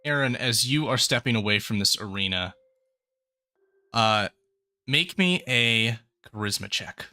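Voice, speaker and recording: A man's voice: mid-range voice, animated, unhurried, long pauses, pushed and bright. A man narrating as game master of a tabletop game in an easygoing, descriptive way.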